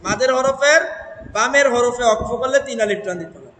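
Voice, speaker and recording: A man's voice: extremely high pitch, brisk, echoey room, in a large hall, background noise. A man teaching Quran recitation one-on-one, patiently drilling a student letter by letter.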